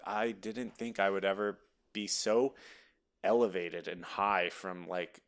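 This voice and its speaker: A man's voice: low-pitched, slow pace, smooth. A man in his thirties, a podcast guest, telling stories in a casual interview and acting out what other people said. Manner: animated, acts out quoted voices while telling stories.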